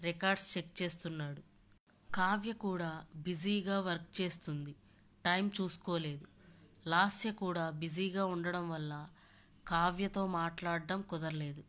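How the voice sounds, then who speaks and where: A woman narrating a romantic suspense audio story in a steady, plain reading manner. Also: fairly low pitch, unhurried.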